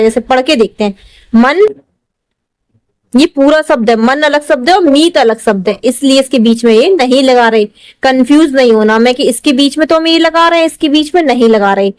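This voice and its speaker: A woman English teacher gives a slow, step-by-step spelling lesson, patiently breaking words into syllables, explaining, repeating, and stretching them. Her voice is high, with no echo.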